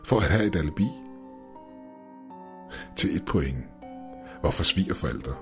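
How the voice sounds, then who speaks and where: A man's voice: sits low, animated, over music. A man voicing a grotesque male game show host who is gleeful and cruel, in showman patter.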